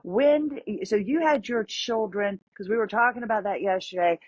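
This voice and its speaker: A woman in her fifties hosting an interview, reacting with sympathy and asking quick follow-up questions. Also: medium pitch, no echo. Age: 50s. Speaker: host. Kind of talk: conversational interview. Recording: dry, dull lo-fi audio.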